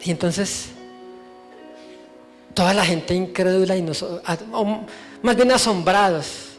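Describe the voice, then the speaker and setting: A male pastor preaching and telling a testimony to a church, storytelling with feeling and falling to a hush at moving moments. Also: high-pitched, takes it slowly, faint music behind. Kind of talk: testimony sermon.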